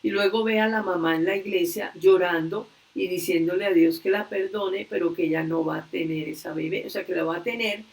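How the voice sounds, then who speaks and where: A woman leading a religious workshop, earnestly retelling a story slowly and with frequent hesitations over a video call. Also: on the low side, steady tone, creaky. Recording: distant video-call audio.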